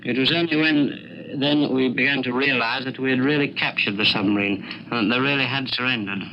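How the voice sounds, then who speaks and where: A British man, an air force pilot, giving a grave, measured, understated account in a 1940s wartime radio broadcast. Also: mid-range voice. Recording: muffled, noisy 1940s radio recording.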